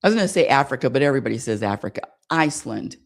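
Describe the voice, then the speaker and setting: An American woman hosts a spirituality radio show, delivering a monologue that is repetitive and searching, often seeking listeners' agreement. Her rumbling low voice has lively intonation and vocal fry, and she talks rapid-fire.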